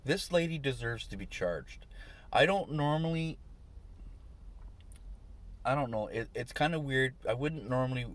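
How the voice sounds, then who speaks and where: A man's voice: medium pitch, lively intonation, unhurried, pauses often. A man, short on sleep, ranting on his vlog, swearing and irritated. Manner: swearing, ranting, rising to shouts. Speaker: vlogger.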